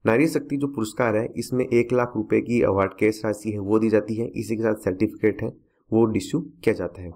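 A man's voice: fairly low pitch, steady tone, a little fast, mellow. A man teaching a current affairs lesson for exam students, repeating key facts to remember.

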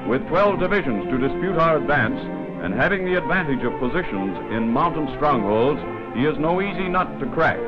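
A man giving brisk, declamatory scripted narration for an old 1940s wartime newsreel. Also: a little high, animated. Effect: old newsreel sound. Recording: dull lo-fi 1940s newsreel with loud music.

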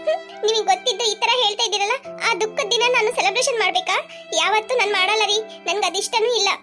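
A woman's voice: extremely high pitch, over music. A woman voicing a busy cartoon mother who scolds her kid to hurry for school. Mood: sorrowful. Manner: scolding, hurried. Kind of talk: cartoon voice acting.

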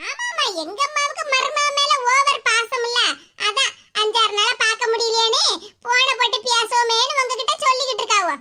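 Woman doing a sarcastic suspicious young woman, Kanyakumari accent, very high cartoon pitch, noisy clicky track. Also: a little fast. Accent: Kanyakumari Tamil. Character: sharp-tongued grown daughter, suspicious.

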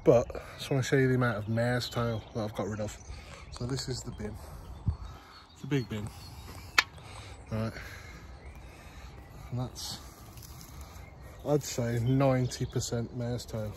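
This thirty-something man has a medium-pitched, darkish voice with fairly even intonation, a slightly slow pace and frequent pauses, and the audio is poor. He rambles through a self-deprecating vlog at his allotment garden, full of ums, on a close-held phone camera with outdoor noise around him.

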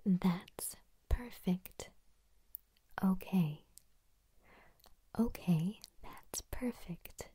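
A woman in her twenties doing whispered role-play as an ASMR coach, speaking in a breathy, soothing, soft bedside voice very close to the mic. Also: fairly low pitch, drawn-out words, long pauses, dry recording. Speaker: ASMR host leading vocal warm-ups. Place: small room at home, indoors. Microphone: close to the mic, leaning in.

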